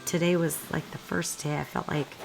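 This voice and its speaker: A woman with a raspy, hoarse smoker's voice, worn from being sick, giving casual, rambling gameplay commentary in an informal way. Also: sits low, little pitch movement, moderate pace, soft background music, low-quality recording. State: hoarse from a recent illness. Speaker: video creator narrating game footage.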